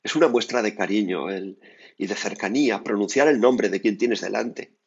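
Male priest from Spain, conversational meditation, breathy rasp in the voice. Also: lowish voice, normal speed, highs cut off. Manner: conversational, frequent tag questions, lively asides. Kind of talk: spoken meditation.

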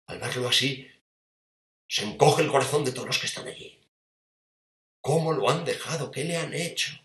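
A man from preaching a dramatic sermon, retelling a story vividly with rhetorical questions and sudden drops to a hush. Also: mid-range voice, normal speed. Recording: echoey room.

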